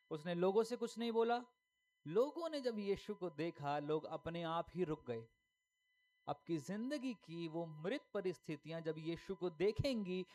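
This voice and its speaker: A man's voice: on the high side, a little mellow, a little hiss or hum. A male pastor preaching a sermon emphatically, firing rhetorical questions and repeating key lines.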